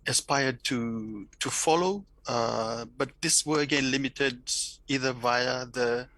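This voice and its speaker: A middle-aged academic from Fiji speaks English with a Fijian accent as an interview guest, reflecting thoughtfully with many restarts and repeated words. His medium-pitched voice is slow, bright, and forceful, with no room sound.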